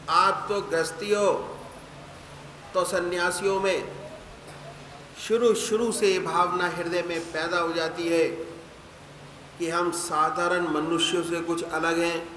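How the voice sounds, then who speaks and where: Slow, echoing spiritual teacher. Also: male voice, high voice, pushed and bright, a little hiss or hum. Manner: slow, measured, didactic preaching with pauses. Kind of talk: sermon. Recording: echoey hall with faint ambience.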